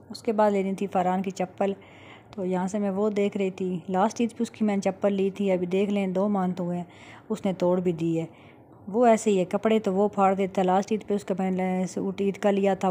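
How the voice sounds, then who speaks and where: A woman's voice: medium pitch, mellow, slight background noise. A middle-aged woman from Pakistan with a Punjabi-tinged Urdu accent, chatting casually in a vlog voice-over. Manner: chatty, matter-of-fact, recounting haggling. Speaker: vlogger.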